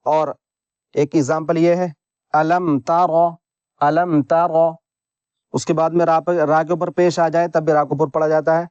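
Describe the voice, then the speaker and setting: A man teaching Quran reading rules in a patient lesson, repeating each point and spelling out letters slowly. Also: fairly high pitch, flat delivery, a little mellow, clean tone, dry recording, lo-fi sound. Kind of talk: slow instructional lesson.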